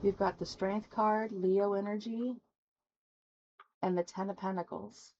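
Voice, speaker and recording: A woman's voice: mid-range voice, fairly even intonation, a little slow, darkish tone, muffled recording, a little hiss or hum. A woman giving a rambling, folksy spiritual tarot reading to her viewers. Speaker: tarot reader. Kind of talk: casual spoken tarot reading.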